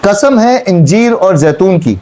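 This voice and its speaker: High-voiced man teaching a Quran class. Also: lively intonation, a little slow, mellow. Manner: questioning students, repeating points. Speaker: Islamic teacher. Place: classroom with students.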